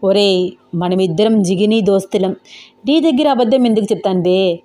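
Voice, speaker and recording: A woman's voice: medium pitch, moderate pace, warm tone, lightly acted. A woman voicing an easygoing young man who teases his best friend, in a storybook reading. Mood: teasing. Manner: casual, teasing.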